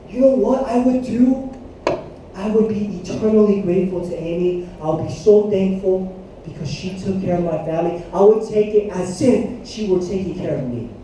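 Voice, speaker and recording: Animated pastor in an echoey hall. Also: male voice, high voice, a little hiss or hum. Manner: animated storytelling, asks the room for responses. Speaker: youth pastor. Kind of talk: sermon. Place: church hall. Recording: echoey hall, mic at a distance.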